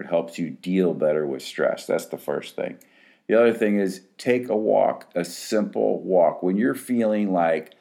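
A man's voice: sits low, gravelly, a little mellow. A man in his fifties, an addiction counselor, talking casually to his clients in a rambling, frank way full of restarts.

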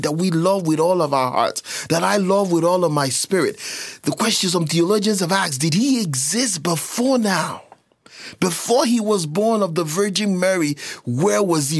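A woman's voice: deep voice, husky. Impassioned woman preaching a sermon. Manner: emphatic, rises to near-yelling and slows on key words.

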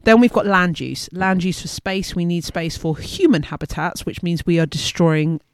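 A woman's voice: on the low side, clean tone, no echo, clean studio sound. A woman giving a casual spoken lesson to her husband, rattling off lists with "um"s and quizzing him as she goes. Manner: brisk, listing points with many "um"s and quizzing questions. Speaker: teacher explaining to her husband. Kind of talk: casual revision podcast lesson.

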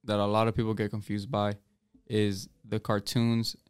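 A teenage American boy hosts a student podcast, rambling casually with lots of fillers and restarts. His voice sits on the low side and stays monotone at a moderate pace, smooth and darkish in tone. The recording is studio quality with no room sound.

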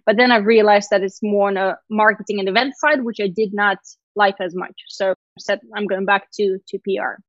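With a mid-range voice at a fairly quick pace, a woman in her thirties chats as an interview guest, telling her story candidly and animatedly and laughing a lot. She grew up in Lithuania, a native Russian speaker. The recording is dry and lo-fi.

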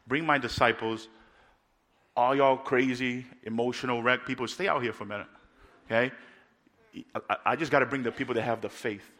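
A man voicing a calm, plain-spoken healer who casually orders a crowd to wait outside. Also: medium pitch, brisk, long reverb tail, lightly acted. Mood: commanding.

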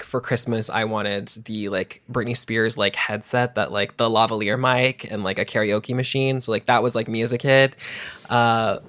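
A man in his thirties, a former child actor, chatting casually as an interview guest, rambling and animated with constant "like"s. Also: mid-range voice. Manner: rambling, heavy use of "like", animated.

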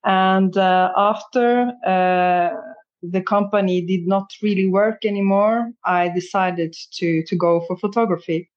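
Norwegian woman, english not her first language, low-ish voice, hesitant, kind of muffled audio. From Norway. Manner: hesitant, searching for words, soft laughs. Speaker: interview guest, photographer. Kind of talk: casual interview.

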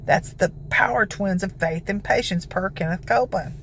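Gravelly-voiced woman preacher, background noise. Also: mid-range voice, normal speed, a bit bright. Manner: emphatic, declarative, peppered with scripture citations. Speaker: intercessory prayer preacher. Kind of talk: informal devotional exhortation.

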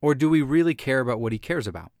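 Man pastor, thirties, casual faith talk, earnest, lots of restarts, mid pitch, dry sound. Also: fast talker, no echo. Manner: earnest and animated, with many restarts.

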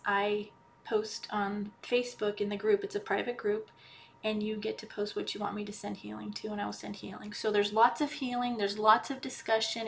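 Casual woman podcaster over background noise. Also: medium pitch. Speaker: podcast host and healer. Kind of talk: casual podcast talk to listeners.

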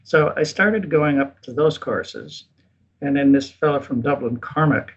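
Easygoing and quick to chuckle at himself, an older man from the United States shares his story as an interview guest, taking his time. His voice is husky, slightly rough and medium-pitched, and the audio is dull and lo-fi.

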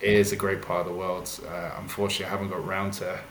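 A man's voice: low voice, little pitch movement, quick pace, fairly bright tone. A man hosting a casual podcast interview. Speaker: podcast host. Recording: echoey room, faint noise.

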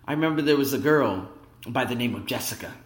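A man's voice: mid-range voice, fast. A man in his thirties hosting his own podcast, talking emphatically and rambling in a motivational monologue, recorded in an echoey room at his workplace. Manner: animated, emphatic, rambling and conversational. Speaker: podcast host. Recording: echoey room with big reverb.

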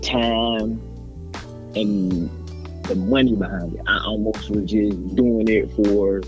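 A man's voice: lowish voice, steady tone, takes it slowly, a little mellow, muffled recording, faint music behind. A young man with a South Carolina accent, a rapper speaking as a guest in a casual interview, in a laid-back, slangy way, often repeating himself.

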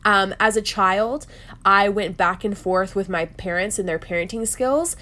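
A woman's voice: mid-range voice, measured pace, bright, forceful tone. A woman hosting a solo podcast in an earnest, confiding way, sounding nasal and stuffed up, as if under the weather. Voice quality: nasal, congested. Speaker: podcast host.

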